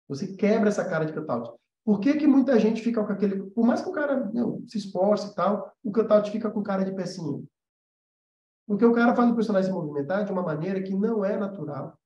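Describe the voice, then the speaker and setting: High-pitched but dark in tone, this Brazilian teacher's voice is animated and a little fast as he runs an informal live animation lesson. He repeats main points emphatically and checks in to see whether everyone is following. The space sounds roomy and echoey, the audio slightly dull.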